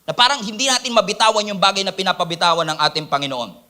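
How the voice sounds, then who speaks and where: A man preaching with a high, bright voice. He calls out questions to his congregation and slips into quick quoted voices to act out people's excuses. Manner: asks the congregation for responses. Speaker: pastor. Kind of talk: sermon.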